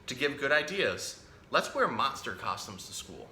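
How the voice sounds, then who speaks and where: At normal speed and medium pitch, a male storytime host gives an animated read-aloud of a children's picture book, addressing young listeners and tossing chatty remarks to his pet parrot. There is roomy echo with faint noise behind him.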